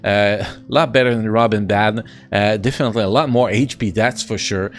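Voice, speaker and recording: A French-accented man with a lowish voice talks a little fast through casual, excitable commentary on a mobile game. He keeps restarting and throws in playful sound effects.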